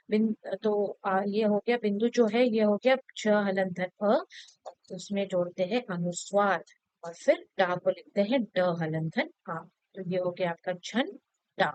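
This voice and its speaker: A woman teaching children a worksheet lesson, patient and repetitive as she breaks each word into its letters. Her voice is smooth and clear. The recording is dry and a little muffled. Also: medium pitch, a little mellow, no echo.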